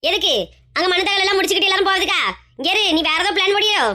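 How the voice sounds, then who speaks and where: A woman with a Kanyakumari Tamil accent acting out a comic family skit with quick, dramatic delivery. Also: very high-pitched, steady tone, bright, forceful tone. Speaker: comedy skit creator.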